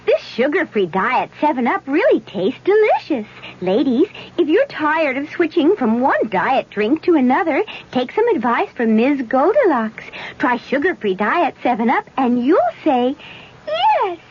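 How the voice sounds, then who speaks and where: Brief: a bubbly young Goldilocks, high bright voice swooping all over, lo-fi old radio. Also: female voice, sing-song, measured pace. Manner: bubbly, sing-song and coaxing. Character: perky young woman Goldilocks. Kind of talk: 1970s radio ad acting. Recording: dull lo-fi old radio recording.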